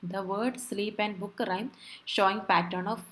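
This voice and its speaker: A woman tutor reading notes slowly, then explaining them in Malayalam with many fillers and restarts. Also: medium pitch, fairly even intonation. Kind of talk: exam-prep lecture.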